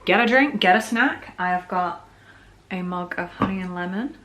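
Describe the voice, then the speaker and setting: A young vlogger from northern England speaks directly to her camera at home, joking her way through a story. She talks loosely at a moderate pace, chatty and full of filler "like"s, her voice a touch lower than most and slightly scratchy from a sore throat.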